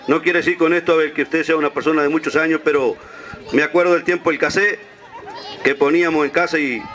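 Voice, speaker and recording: A male comedian with a Uruguayan accent tells jokes from an outdoor stage, talking straight to the audience and acting out every character in the dialogue. His voice sits high and sounds bright and forceful over a stage microphone, with a faint crowd behind him. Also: slight background noise. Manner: chatty, talks to audience, acts out dialogue. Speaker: stand-up comedian. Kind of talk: stage joke telling.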